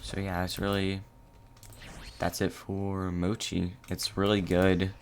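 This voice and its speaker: Low gravelly young man, flat delivery. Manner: halting, filler-heavy, low-key. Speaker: gaming channel host. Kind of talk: casual gameplay tutorial voice-over.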